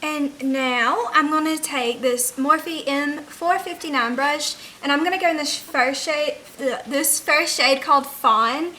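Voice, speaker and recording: A woman's voice: high voice, a little slow, few pauses, sharp tone, a little hiss or hum, low-quality recording. A young woman chatting casually through a makeup tutorial, peppering her sentences with "like". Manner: informal, frequent "like" as filler. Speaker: beauty vlogger. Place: indoors, rain audible outside.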